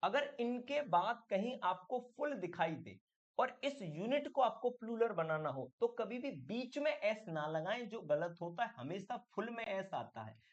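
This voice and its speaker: Unhurried and high-pitched, with big swings in pitch, a man runs a chatty exam-prep English grammar lesson. He addresses the viewer as "my friend" and poses questions he then answers himself, and the recording's highs are cut off.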